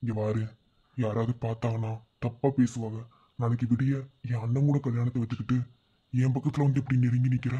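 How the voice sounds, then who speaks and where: A man's voice: mid-range voice, flat delivery, fairly quick, highs cut off, background noise, natural voice. A man voicing a young village man in a cartoon who gives up his love, speaking firmly with a Madurai Tamil accent. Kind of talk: cartoon voice acting.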